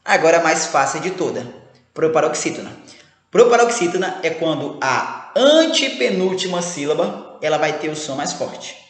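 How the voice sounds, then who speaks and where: A man's voice: on the high side, big pitch swings, normal speed. A man teaching an exam review lesson, emphatic, often checking in with students with "ok?". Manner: emphatic, repeats "ok?" and "gente" to students. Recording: echoey room with long reverb.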